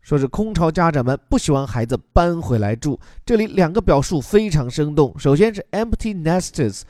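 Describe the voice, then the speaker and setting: A man's voice: a little high, animated, normal speed, dark tone, dry recording, studio quality. A man who teaches as a podcast host, patiently explaining an English news article word by word with examples.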